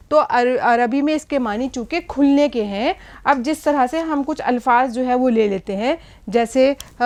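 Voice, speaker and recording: High-voiced woman teaching a patient lesson. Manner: patient explaining, frequent checks like "hai na?" and "theek hai". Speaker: Urdu teacher. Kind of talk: whiteboard language lesson.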